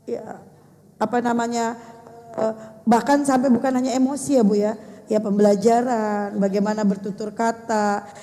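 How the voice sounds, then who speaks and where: An older woman giving an animated religious talk to a gathering of mothers, speaking to them directly. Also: a little high, normal speed. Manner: animated, addressing the mothers directly, acting out how to speak to children. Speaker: religious teacher. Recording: echoey hall sound.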